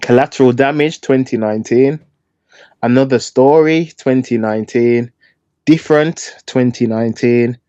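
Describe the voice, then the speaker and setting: Guy cohosting a podcast, chatty and candid, mid pitch, dry kinda muffled sound. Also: warm tone, no room sound. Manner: candid, chatty, talks through his opinions. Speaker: podcast co-host. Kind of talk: casual opinion chat. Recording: dull, slightly lo-fi dry sound.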